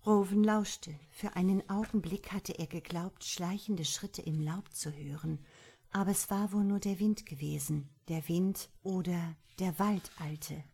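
A woman narrating a fairy-tale audiobook in a soft, hushed manner that often drops near a whisper. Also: on the low side, steady tone, a little slow, vocal fry, husky. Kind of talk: audiobook storytelling.

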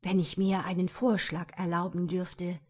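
A woman voicing a fussy old court marshal who speaks in a hushed, courtly way. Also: fairly low pitch, flat delivery, measured pace, breathy edge. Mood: hushed, urgent.

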